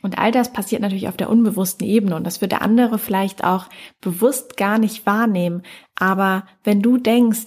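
A woman giving a calm, instructional talk as a speaking coach, addressing the listener directly with the occasional hesitant pause. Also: medium pitch.

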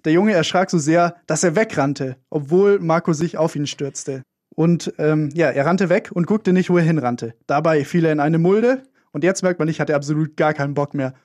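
A man's voice: on the high side, moderate pace, a little mellow, dry recording, clean studio sound. A young man co-hosting a casual radio show, talking with many fillers and a wry, self-mocking manner. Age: young adult. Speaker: radio co-host.

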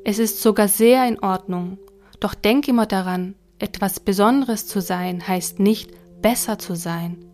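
A woman voicing a calm, kindly God. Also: medium pitch, unhurried, close to an everyday voice. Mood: gentle. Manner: calm, gentle, explaining. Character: kind patient God, calm and smiling.

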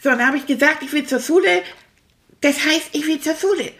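On a children's audio show, a woman plays a boastful, childlike male toy rat who chatters to young listeners with excitement and impatience. Her voice is high and brisk, and the character sounds annoyed.

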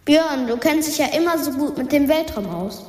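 A woman's voice: high voice, lively intonation, normal speed, darkish tone. A woman voicing a cheerful, chatty female dwarf planet who talks to earthlings in a children's radio science sketch, with an echoing space effect on her voice. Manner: cheerful, calls listeners earthlings. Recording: reverb-soaked echoey voice effect.

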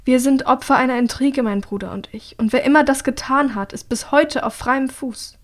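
A woman reading an audiobook, voicing an urgent young woman who pleads in hushed, half-whispered tones. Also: sits high, moderate pace, lightly acted.

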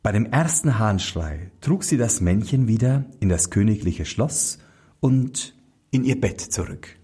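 Slow, husky male fairy-tale reader. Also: on the low side. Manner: slow, very expressive reading. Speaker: storyteller.

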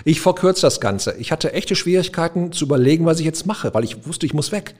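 Middle-aged man telling a lively story. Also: on the high side, a little fast. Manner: lively, colloquial, humorous anecdote-telling. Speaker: guest, de-escalation trainer. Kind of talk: conversational podcast storytelling.

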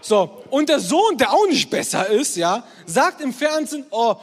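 A man in his twenties preaching to a live crowd, energetic and constantly checking in with the crowd. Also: very high voice, moderate pace. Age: 20s. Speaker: youth preacher. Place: hall with an audience, also streamed. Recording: long hall reverb.

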